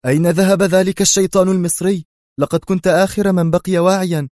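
A man's voice: medium pitch, brisk, darkish tone, dry recording, studio quality, pitched above the performer's own voice, lightly acted. A man voicing an angry mafia gunman. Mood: indignant. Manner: indignant, snapping. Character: angry hot-tempered male mafia gunman. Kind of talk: audiobook character voice.

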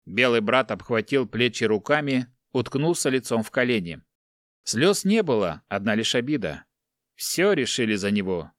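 A man narrating a fantasy audiobook in a measured, even way. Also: mid-range voice, dry recording, clean studio sound. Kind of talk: scripted narration.

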